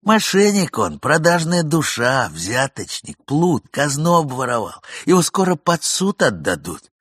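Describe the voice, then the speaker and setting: A man's voice: on the high side, huge pitch swings, normal speed, gravelly, a bit bright, husky, dry recording, clean studio sound, pitched above the performer's own voice, exaggerated voice. A man voicing a cocky young man in a storybook reading, taunting and insulting his rival. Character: cocky, mocking young man in a fur coat.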